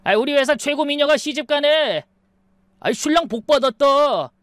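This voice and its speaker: A woman voicing a cheerful, teasing office coworker, higher and louder than her usual voice. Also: expressive, moderate pace, dry recording. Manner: bubbly, teasing.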